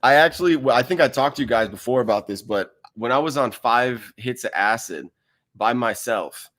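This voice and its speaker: Hosting a relaxed livestream from a wide room in his home, a man reads out viewer comments close to a desk mic, rambling and laughing often. His mid-range voice is fairly bright, with lively intonation and a moderate pace.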